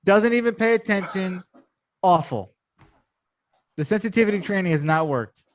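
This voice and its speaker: A man's voice: high voice, expressive, normal speed, noisy background. A man co-hosting a podcast, trading teasing, wry banter in casual chat. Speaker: podcast co-host.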